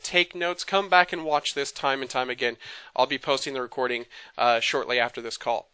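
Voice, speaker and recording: Excited fast-talking salesman presenting online. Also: a little high, smooth, no room sound. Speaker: webinar presenter.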